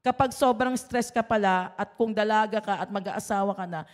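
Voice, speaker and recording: A woman's voice: mid-range voice, moderate pace, long reverb tail. A woman pastor giving a conversational sermon, listing points and often checking in with the listeners through tag questions.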